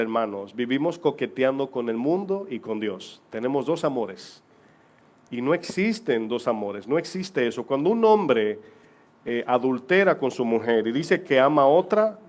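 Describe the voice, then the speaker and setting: A married man preaching a sermon as pastor to his congregation, reading scripture aloud and asking rhetorical questions. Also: mid-range voice.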